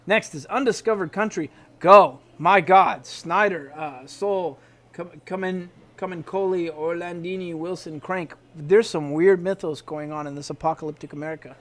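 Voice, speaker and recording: A man's voice: a little high, moderate pace. A man hosting casual weekly comic reviews, chatty and hesitant, restarting sentences and calling out emphatic verdicts. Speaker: comic shop review show host.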